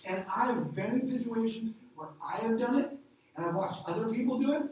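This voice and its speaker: A middle-aged man preaching a sermon as a pastor, animated, asking rhetorical questions and acting out little voices. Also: very high voice, fairly quick. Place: church hall. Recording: echoey hall, distant mic.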